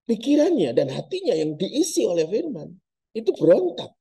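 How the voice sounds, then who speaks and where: A man's voice: high-pitched, huge pitch swings, normal speed, creaky, dark tone, husky. A male pastor preaching a sermon, telling a story dramatically and addressing his congregation directly. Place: church service.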